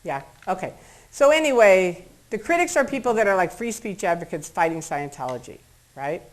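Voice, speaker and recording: A woman's voice: medium pitch, lively intonation, moderate pace, rough recording. A middle-aged American woman telling a personal story to an audience at a public talk, acting out what others said in shifting voices. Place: meeting room before an audience.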